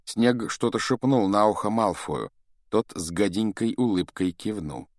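A man reads a storybook aloud in a low voice with a lively, rising-and-falling delivery. He acts out each character as he goes. The recording is dry and close, with no room sound. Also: measured pace, no echo. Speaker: audiobook narrator. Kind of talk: expressive storybook narration.

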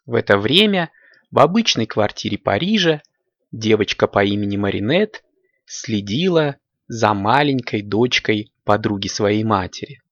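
A man's voice: fairly low pitch, expressive, moderate pace, lo-fi sound, slight background noise. A man reading scripted narration as a composed cartoon storyteller. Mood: matter-of-fact.

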